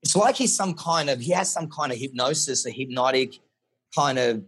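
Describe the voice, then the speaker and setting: Excitable Australian man, husky voice. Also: medium pitch, moderate pace. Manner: excitable, swears, animated storytelling. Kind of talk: casual podcast conversation.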